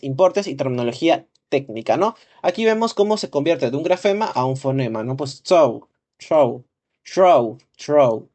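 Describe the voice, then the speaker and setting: Male instructor, slightly high pitch, reads slide text and adds casual asides. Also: darkish tone. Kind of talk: reading and explaining lesson slides.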